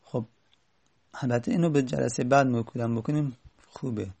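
A man gives a grammar lesson in a gravelly voice with a middling pitch. He talks patiently, going over each rule more than once and leaning on the important words. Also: steady tone, a little mellow. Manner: patient, repeats key points with stress. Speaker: teacher.

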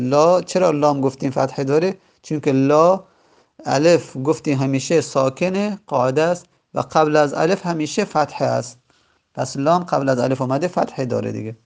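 Male grammar teacher, gravelly voice, slow drilled repetition of forms. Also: a little high. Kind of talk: classroom lesson.

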